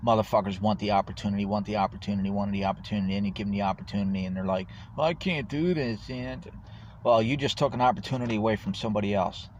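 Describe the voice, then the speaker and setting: Man, low voice, angry profane rant, stammering restarts, outdoors by a street, dull phone recording, faint traffic behind. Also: flat delivery, racing, a little mellow. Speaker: homeless vlogger.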